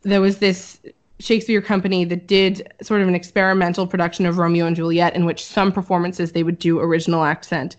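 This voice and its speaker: A woman's voice: on the low side, flat delivery, fairly quick. A woman co-hosting a podcast in casual chat, explaining at length with many "um"s. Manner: chatty, filler-heavy, explaining. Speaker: podcast co-host. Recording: dull lo-fi audio.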